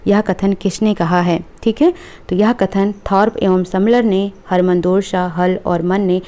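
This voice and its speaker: Mellow-voiced woman teaching exam questions. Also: medium pitch, fairly even intonation, measured pace. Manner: reads multiple-choice options aloud, checks in with "ठीक है". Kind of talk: exam question review lesson.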